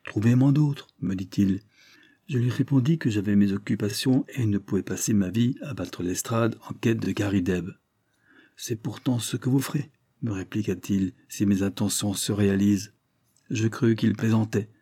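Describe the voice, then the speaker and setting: A man reading the part of a smooth-talking adult male con man who spins his story in an earnest, persuasive way. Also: on the low side, moderate pace, warm tone, dry recording, clean studio sound.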